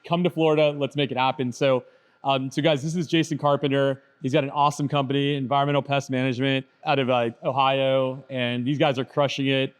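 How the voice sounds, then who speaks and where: Chatty guy hosting a podcast, hyped up and easygoing, mid-pitched voice. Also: clean tone. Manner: enthusiastic, loose, says "bro" and "dude". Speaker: podcast host. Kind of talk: casual interview.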